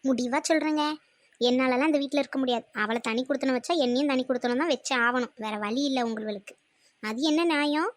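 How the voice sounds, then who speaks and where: A woman's voice: sits high, fast talker, lightly acted. A woman voicing a defiant young daughter-in-law in a family cartoon, with a sarcastic, scolding manner. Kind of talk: cartoon voice acting.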